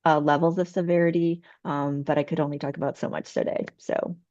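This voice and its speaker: A woman herbalist answering questions after her conference talk, earnest and full of ums, her voice going hoarse. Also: deep voice, level tone, a little fast, no room sound, muffled recording. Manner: warm, earnest, hesitant with many ums. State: losing her voice. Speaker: TCM herbalist presenter.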